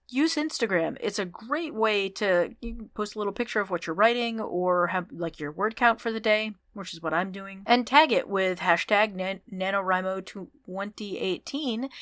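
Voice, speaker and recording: A woman hosts her writing podcast alone and talks casually and upbeat, with fillers and small restarts. Her voice sits in a middle pitch. The recording is dry and close, with no room sound. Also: a bit bright, no echo. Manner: chatty, upbeat, with ums and restarts. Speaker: podcast host. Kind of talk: solo podcast outro and shout-outs.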